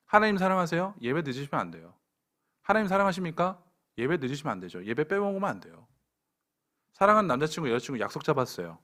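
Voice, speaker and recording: A man's voice: mid-range voice, fairly bright tone. A young adult man preaching a sermon to a church young adults group, pointed and direct with playful asides. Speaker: pastor.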